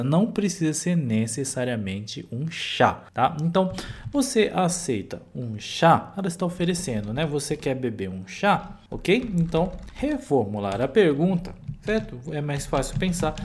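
Man, language teacher, patient, repeats and checks in, slightly high pitch. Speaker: Japanese teacher. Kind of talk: language lesson explanation.

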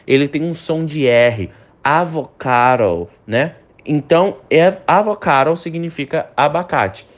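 A man teaching a recorded lesson. He explains patiently, says each example sentence slowly and several times, and asks the listener questions that he then answers himself. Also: a little high. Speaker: English teacher. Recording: dull lo-fi sound.

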